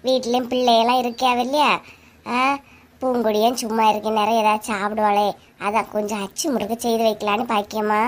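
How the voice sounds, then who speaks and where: A woman voicing a gentle older village auntie with a Kanyakumari accent. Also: a little high, little pitch movement, a little fast, pitched below the performer's own voice, lightly acted. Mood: calm, homely. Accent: Kanyakumari Tamil. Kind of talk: cartoon voice acting.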